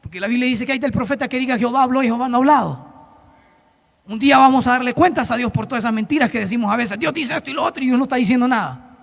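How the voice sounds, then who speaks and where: A man preaching a sermon and sharing his own testimony, with an impassioned delivery that rises to shouts and drops to a low, soft voice. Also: very fast, creaky, big-room sound. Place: church hall.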